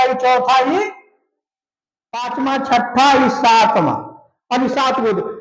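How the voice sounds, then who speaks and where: Man, classroom lesson, slow deliberate pace, echoey room. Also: very high voice. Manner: repeats check-in questions to students, drills spelling step by step. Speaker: teacher. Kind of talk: classroom-style grammar lesson.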